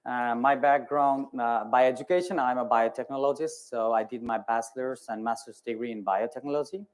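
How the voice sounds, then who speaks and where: A man in his thirties from Nepal introduces himself on a conference panel. His voice sits in a middle pitch, and he speaks in a measured, explanatory way with many small "uh" pauses. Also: fairly even intonation, clean tone. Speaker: clinical study manager on a panel.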